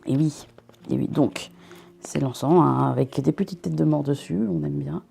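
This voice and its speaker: A woman's voice: sits low, fairly even intonation, normal speed, gravelly, mellow, husky. A young woman from northern France near the Belgian border, chatting casually and jokily while unboxing, often breaking off her own sentences. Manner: chatty, self-interrupting, jokey asides. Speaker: vlogger reviewing a subscription box.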